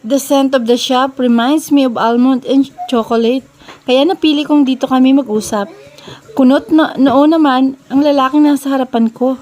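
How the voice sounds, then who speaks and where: A woman's voice: high-pitched, warm tone. A woman narrating a first-person romance story in a conversational, mixed-language reading style.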